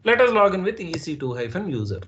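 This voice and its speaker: Indian English instructor, patient, repeats things, slightly high voice, faint hiss behind. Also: male voice, sing-song, quick pace, a bit bright, lo-fi sound. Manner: patient, repeats and checks understanding. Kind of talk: live online class teaching.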